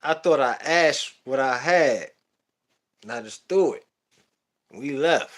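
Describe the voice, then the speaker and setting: A man hosting a livestream, telling a story in an animated, profane, casual way. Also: medium pitch, takes it slowly. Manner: animated and profane, laughing at his own story. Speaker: livestream host.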